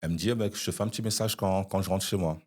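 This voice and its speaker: A young man, a podcast guest, telling an animated anecdote in casual chat, with frequent "you see" asides. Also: low voice, very fast.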